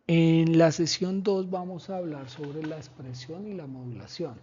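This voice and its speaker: Male teacher, slightly high pitch, measured explanatory delivery, lo-fi recording. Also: steady tone, mellow. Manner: measured, explanatory, with pauses and fillers. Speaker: teacher presenting a lesson plan. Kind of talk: slide presentation. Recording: dull lo-fi recording.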